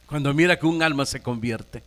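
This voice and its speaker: A Nicaraguan pastor preaching a sermon, emphatic, firing rhetorical questions at the congregation. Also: male voice, medium pitch, a little fast, a bit bright, big-room sound.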